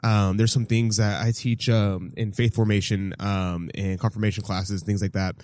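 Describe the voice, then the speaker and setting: A man with a fairly low voice chats casually as a podcast host, pausing often with ums and uhs. The recording is dry and close-miked. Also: flat delivery, darkish tone, dry recording. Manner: hesitant, many ums and uhs, laughs often. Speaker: podcast host and catechism teacher. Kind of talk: casual chat.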